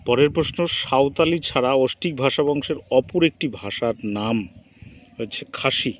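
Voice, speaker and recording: A male teacher running through exam questions, reading each question and then giving its answer in a steady drilling rhythm. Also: medium pitch, normal speed. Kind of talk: exam quiz review lesson. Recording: dull lo-fi recording, faint background noise.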